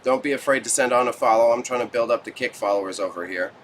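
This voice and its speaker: A fast-talking Toronto man with a medium-pitched, slightly bright voice hosts a livestream, casually joking with viewers in slangy banter. Slight background noise comes through in the small warehouse space, which is stacked with goods.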